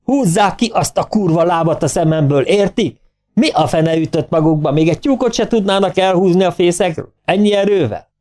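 A man voicing an excitable, commanding male veterinarian who barks impatient orders. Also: mid-range voice, vocal fry. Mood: shouting.

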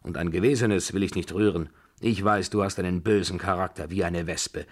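A man voicing an imperious, quick-tempered old grandmother in a radio drama reading, scolding and giving orders. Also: low voice, fairly even intonation. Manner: scolding, commanding, abrupt.

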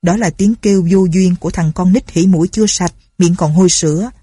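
A woman's voice: on the low side, a little fast, warm tone, breathy edge, no echo, studio quality. A woman voicing a ruthless, suspicious male bandit chief who talks in a harsh, threatening way. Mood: menacing.

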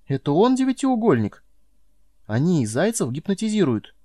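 A man reading an audiobook voices a frightened, defiant teenage boy who shouts in panic. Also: high voice, wildly swooping pitch, normal speed, dry recording, studio quality, voice pushed up. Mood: bewildered.

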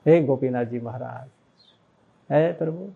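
A man, a monk, giving an expressive devotional sermon and telling a story with emotional, dramatic shifts in loudness. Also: mid-range voice, normal speed, creaky, slightly rough, muffled recording. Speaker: monk giving a religious discourse.

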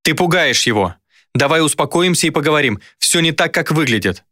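Man playing a female demon, higher voice, pleading, despairing, audiobook scene. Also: moderate pace, pushed and bright, husky, dry recording, studio quality. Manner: pleading and desperate. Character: anguished female demon, fierce but tender protector.

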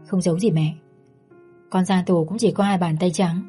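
A woman's voice: fairly low pitch, steady tone, normal speed, mellow, breathy edge, faint music behind. Woman reading as a humble pleading son-in-law. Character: remorseful ex-convict son-in-law, man.

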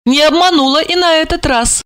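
A woman narrating an audiobook in an expressive storytelling manner. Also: high voice, brisk, no room sound, studio quality. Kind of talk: scripted narration.

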